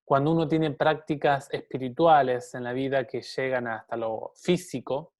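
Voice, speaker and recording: A man's voice: medium pitch, steady tone, normal speed, a little mellow. A man giving a Bible teaching sermon in an earnest tone, speaking straight to the listener and posing rhetorical questions.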